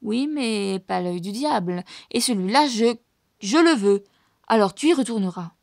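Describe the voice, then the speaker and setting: A woman's voice: mid-range voice, fast, darkish tone, dry recording, studio quality, natural voice. A woman voicing a cruel, greedy villainess who screeches orders, in a storybook reading. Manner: screeching, wheedling when sweet.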